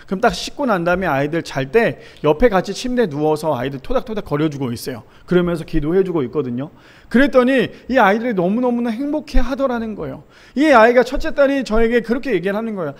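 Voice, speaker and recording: A fairly high-voiced man in his thirties delivers a Sunday sermon as pastor. He tells a family story in an engaging, conversational way, asks the listeners questions, and softens his voice when he quotes his children. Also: lively intonation, quick pace. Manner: warm storytelling with rhetorical questions to the congregation.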